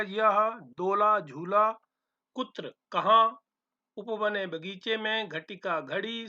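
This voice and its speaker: A man's voice: high voice, pushed and bright. A man teaching a Sanskrit textbook lesson, speaking. He repeats each word two or three times so students can copy the pronunciation, then gives its meaning. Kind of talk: recorded lesson explaining a textbook chapter. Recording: dull, lo-fi sound.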